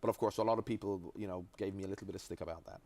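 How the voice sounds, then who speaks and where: Speaking very fast in a deep, darkish voice with fairly even intonation, this former footballer from Jamaica, now in his forties, is a relaxed interview guest. His long anecdotes keep restarting and wandering into asides.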